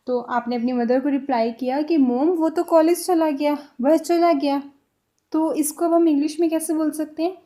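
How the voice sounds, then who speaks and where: A young woman teaching a spoken language lesson, repeating each example phrase slowly and deliberately. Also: high-pitched, dark tone.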